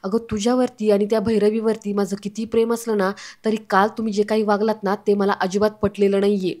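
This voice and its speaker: A woman's voice: medium pitch, little pitch movement, brisk, darkish tone, natural voice. A woman voicing a stern elderly man who speaks reproachfully. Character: stern elderly grandfather friend.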